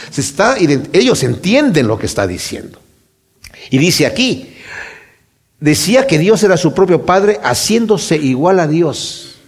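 Higher-voiced male preacher teaching scripture. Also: darkish tone. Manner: explanatory, rhetorical questions, shifting emphasis. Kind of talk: sermon, Bible teaching.

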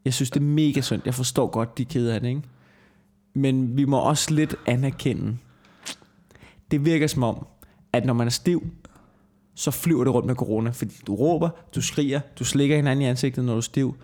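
Rantende mand i podcastsnak. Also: male voice, medium pitch. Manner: crude, ranting, animated. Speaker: podcast co-host. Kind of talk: casual podcast banter. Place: office.

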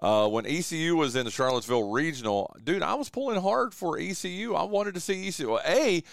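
A man hosting a casual sports podcast, animated and joking, calling his guest "dude". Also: fairly high pitch, quick pace, vocal fry, no room sound, clean studio sound. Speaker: podcast host.

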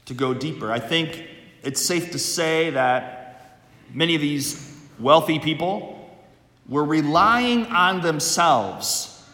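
Slow-speaking male preacher in cathedral echo. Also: on the high side, bright, forceful tone. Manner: measured, deliberate phrasing with pauses. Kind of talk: liturgical Gospel reading and homily. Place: large reverberant church interior. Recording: echoey church with long cathedral-like reverb.

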